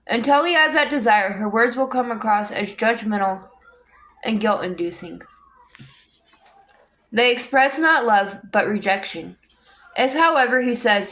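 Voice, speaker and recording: A woman reading a book aloud in a calm, measured way, with an occasional small restart. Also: on the high side. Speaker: audiobook reader.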